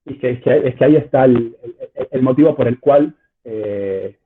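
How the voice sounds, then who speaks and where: Heard over choppy, phone-like call audio with faint noise and clicks, the Argentine-accented statistics lecturer now sounds husky, at medium pitch and moderate pace. His informal online teaching is hesitant, with phrases repeated as he explains.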